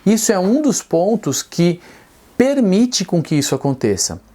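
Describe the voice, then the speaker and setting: A man's voice: sits high, big pitch swings, a little slow, dark tone. Earnest persuasive male reading instructor. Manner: earnest and persuasive, rhetorical questions. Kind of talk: direct-to-camera teaching.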